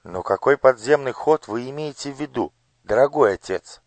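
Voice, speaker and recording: A man's voice: mid-range voice, animated, moderate pace, no room sound, voice pushed up, close to an everyday voice. A man voicing a polite, refined noble lady in an audiobook. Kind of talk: audiobook character voice.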